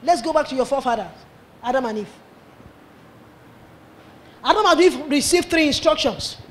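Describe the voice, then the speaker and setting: A Nigerian-accented male preacher with a strikingly high voice. He preaches with energy and acts out little scenes as he goes. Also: moderate pace. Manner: animated, acts out dialogue in pidgin. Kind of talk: sermon.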